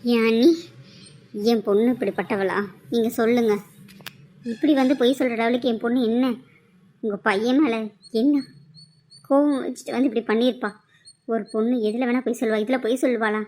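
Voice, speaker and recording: A fierce, protective mother in a cartoon drama, played by a woman. She speaks high and hard, accusing and demanding answers. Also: fairly even intonation, brisk, long pauses, a little mellow, a little hiss or hum, natural voice. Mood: angry. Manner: accusing, confrontational.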